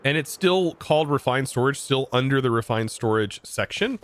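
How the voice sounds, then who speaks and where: A man's voice: medium pitch, lively intonation, normal speed, a little hiss or hum. An American man streaming a game, chatting casually and answering his chat in disbelief. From United States. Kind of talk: casual livestream chat while gaming.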